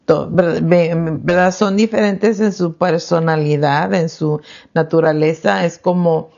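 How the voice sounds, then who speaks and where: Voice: medium pitch, fairly even intonation, unhurried, creaky. A podcast co-host in a parenting talk who listens closely, affirms often, and adds her own points in conversation. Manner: affirming listener, frequent soft acknowledgments. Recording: dull lo-fi podcast audio.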